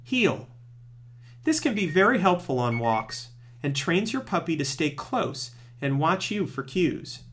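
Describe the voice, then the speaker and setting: A man presenting scripted training tips, giving clear step-by-step instructions as a narrator. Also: on the high side, very animated, a little slow, a bit bright, slight background noise.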